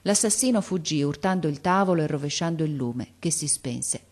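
Woman reading an old story out loud, lowish voice, slow and dramatic. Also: lively intonation. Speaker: narrator. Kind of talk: scripted narration of a classic story.

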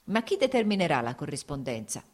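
A calm, worldly nobleman who needles his brother-in-law with easy composure, as a woman reads him. The voice sits slightly low and unhurried in a storybook telling. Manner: calm, teasing. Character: easygoing worldly male nobleman.

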